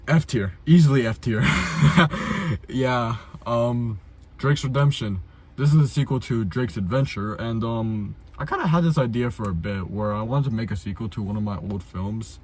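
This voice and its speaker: With a medium pitch, normal speed, and slightly rough sound, a young adult man hosts a video off the cuff. He's an amateur filmmaker whose casual talk is blunt, self-mocking, and full of slang and profanity.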